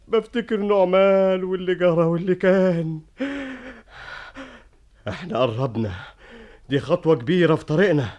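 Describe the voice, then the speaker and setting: An emotional, idealistic exiled sheikh with an Egyptian accent. His voice is high, earnest and impassioned in old-style theatrical radio acting. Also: a little mellow, highs cut off.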